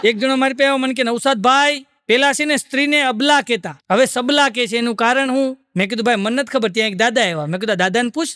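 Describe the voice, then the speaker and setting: A man's voice: very high voice, quick pace, few pauses, pushed and bright, no room sound. A man doing stand-up comedy, telling a run of jokes in a chatty way, asking the audience along and breaking into snatches of song. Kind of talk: Gujarati joke telling.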